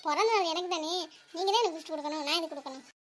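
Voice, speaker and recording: A woman voicing Meena, a chatty, sharp-tongued young wife in a cartoon, talking fast and teasing. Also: extremely high pitch. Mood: playful.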